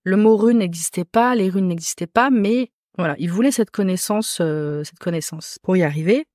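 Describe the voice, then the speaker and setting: A woman from Corsica, a podcast guest who reads runes, talking casually with many hesitant pauses. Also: fairly low pitch, darkish tone, no room sound, studio quality. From Corsica, France. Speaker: podcast guest, rune reader. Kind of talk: casual chat.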